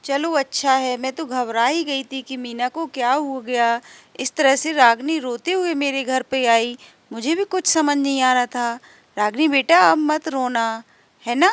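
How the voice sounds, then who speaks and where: A woman's voice: sits high, unhurried, no room sound. A woman voicing a caring neighbor auntie in a doll story who fusses and comforts a child. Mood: concerned. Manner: fussing, comforting.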